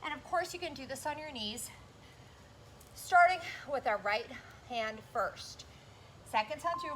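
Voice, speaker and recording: A woman's voice: high voice, bright, forceful tone, slight background noise. A woman leading a workout as a fitness instructor, energetically calling out cues and counts.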